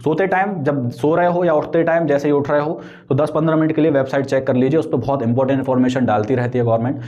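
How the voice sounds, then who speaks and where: A man's voice: fairly high pitch, steady tone, fast talker, warm tone, dull audio. A young man giving casual, explanatory advice on exam preparation, talking conversationally and checking in with frequent tag questions. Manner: conversational, frequent tag questions, mixes English terms into Hindi. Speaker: exam coaching vlogger.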